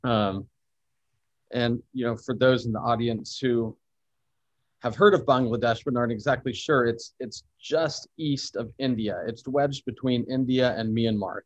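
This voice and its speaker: A man's voice: mid-range voice, a little slow, no room sound. A man, a podcast guest, telling reflective stories about travel, teaching and photography in an expansive, thoughtful way. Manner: thoughtful, expansive, speaks of cultural experiences warmly. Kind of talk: reflective storytelling in conversation.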